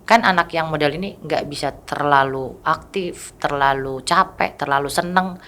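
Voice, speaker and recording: A woman's voice: low voice, normal speed, a bit bright, a little hiss or hum. A woman in her thirties, a mother giving an interview, telling her story candidly and often acting out what other people said to her. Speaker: mother of a child with a rare condition, interview guest. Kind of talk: casual interview talk.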